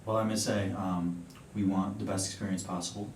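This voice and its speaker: A young man playing a prospective client in an improvised role-play conversation, speaking in a deliberate, playfully emphatic way. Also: flat delivery, darkish tone. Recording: echoey room, distant mic, faint rumbling noise.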